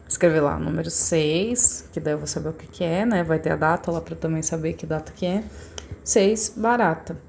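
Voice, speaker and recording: A woman teacher, talking young pupils through a recorded lesson. Her voice is mellow and a little gravelly, and she explains each step patiently. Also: mid-range voice, slight background noise. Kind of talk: recorded remote class lesson.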